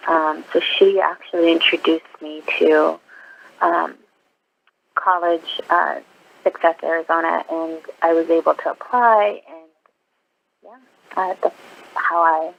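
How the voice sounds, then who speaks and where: Over a dull, lo-fi line that sounds like a phone call, an Iraqi nurse in her twenties is interviewed. Her gravelly voice stays level in pitch as she answers earnestly, pausing often and saying "um" a lot.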